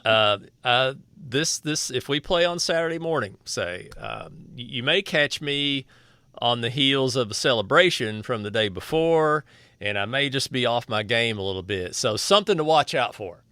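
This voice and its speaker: A man's voice: medium pitch, lively intonation, moderate pace, pushed and bright, clear, resonant tone, no room sound. A man hosting a casual podcast, folksy and joking, with a slightly sore throat. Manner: joking, folksy, loose with restarts. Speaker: podcast host.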